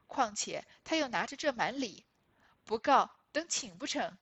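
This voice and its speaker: A woman reads as a shrewd, sharp-tongued young noblewoman who plays the wronged party with pointed, emphatic delivery. Her voice sits fairly high with a breathy, husky edge, and the classical dialogue comes out loud and pressing. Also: animated, a little slow, heavily acted. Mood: aggrieved, scheming. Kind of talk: reading a classic novel aloud.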